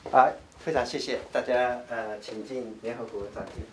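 A man leads a group of guests through the building, thanking and welcoming them in a loose, filler-heavy way. His voice is far from the mic, with clear background noise. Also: medium pitch, fairly even intonation, normal speed. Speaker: host guiding visitors. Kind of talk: casual guided tour. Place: indoor office building. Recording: distant, noisy camera audio.

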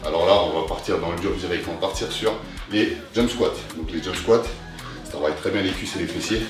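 Speaking fairly quickly in a low voice, a young fitness coach exercises along as he cheers on his workout with brief, encouraging cues. He's indoors in a living room, recorded on a distant mic in a very echoey space with clear music in the background.

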